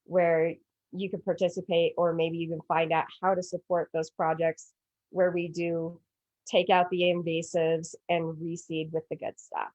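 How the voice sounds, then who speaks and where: A woman's voice: on the low side, flat delivery, a little slow, a little mellow. A woman guest presenter giving informal answers at an online event, hesitant as she searches for words. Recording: roomy, dull online call audio.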